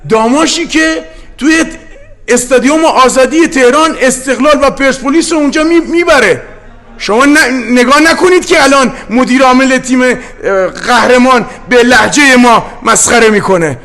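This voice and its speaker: Impassioned high-voiced coach from Gilan. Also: male voice, fairly bright tone. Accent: Gilaki-tinged Persian. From Gilan, Iran. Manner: impassioned, defiant speech. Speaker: football head coach. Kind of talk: post-match interview.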